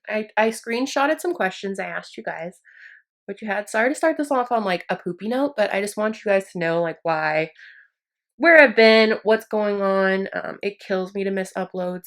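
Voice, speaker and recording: A young beauty vlogger does her makeup at her vanity downstairs at home, chatting casually in a get-ready-with-me style. She rambles and pokes fun at herself while recovering from a sinus infection. Her voice is medium-pitched, creaky and a bit bright.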